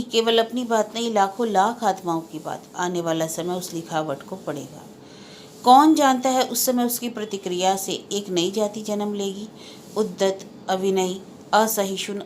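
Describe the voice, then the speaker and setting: A woman reads a novel aloud in a measured, literary audiobook style. Her voice sits at a middle pitch, with a faint hiss in the background. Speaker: narrator.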